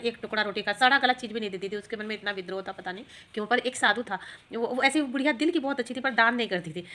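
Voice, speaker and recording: A woman's voice: mid-range voice, pushed and bright. A woman giving a spiritual talk, explaining earnestly and rambling into a story. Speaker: spiritual speaker.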